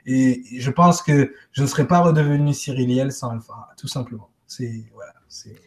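A man talking casually on a live stream, restarting and repeating words, often trailing off quietly. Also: mid-range voice, moderate pace. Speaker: guest speaker.

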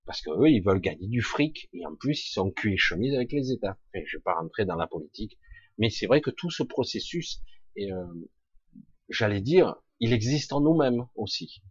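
Husky, raspy low-voiced man, animated talker. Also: moderate pace, no room sound. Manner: emphatic, rhetorical questions, coarse slang. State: throat scratchy with occasional coughing. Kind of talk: informal opinionated monologue to an audience. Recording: dull, lo-fi close recording.

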